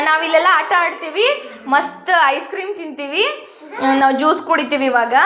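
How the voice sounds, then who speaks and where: A woman teacher with a North Karnataka Kannada accent, teasing children in a classroom with playful mock-scolding. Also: high-pitched. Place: school classroom.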